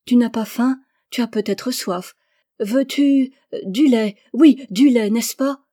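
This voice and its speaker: Woman voicing a gruff old salt worker. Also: a little high, takes it slowly. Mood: coaxing. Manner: shouting then gently coaxing. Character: simple old male salt worker, gruff but tender.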